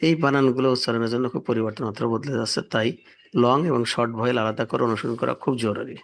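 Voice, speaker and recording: A man's voice: mid-range voice, steady tone, fast, gravelly, slight background noise. A man giving a spoken language lesson, spelling words out letter by letter and repeating each one carefully. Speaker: English teacher.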